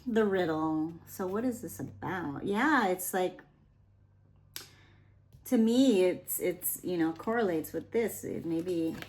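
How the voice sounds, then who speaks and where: A young woman with a lowish voice talks through a tarot reading in a loose, chatty way. She rambles and circles back, leaning on fillers as she goes. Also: expressive, slow, a little mellow. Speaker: tarot reader.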